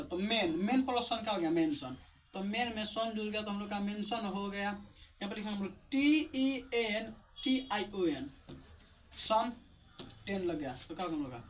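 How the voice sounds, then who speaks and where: A teacher walks through English pronunciation in a video lesson, spelling each word out letter by letter. The delivery is casual and chatty, with frequent rhetorical questions. The voice sounds a little distant from the mic. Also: medium pitch. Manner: explains step by step in a casual, chatty tone.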